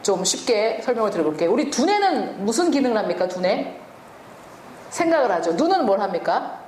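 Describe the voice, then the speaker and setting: A woman's voice: on the high side, big pitch swings, a little fast, a little mellow, echoey room, slight background noise. A woman preaching a sermon and teaching from the Bible, asking the listeners questions and answering them herself.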